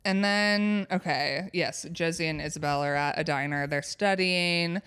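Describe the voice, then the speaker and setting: Woman co-host, low and smooth, chatty film-recap banter, lots of fillers. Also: a little slow, a bit bright. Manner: chatty, frequent "like" fillers, laughs often. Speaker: podcast co-host. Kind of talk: casual chat recapping a film.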